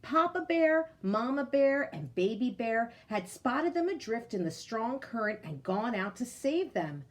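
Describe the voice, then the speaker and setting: Slow, lively woman reading a storybook. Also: on the high side. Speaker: teacher reading aloud. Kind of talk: storybook read-aloud.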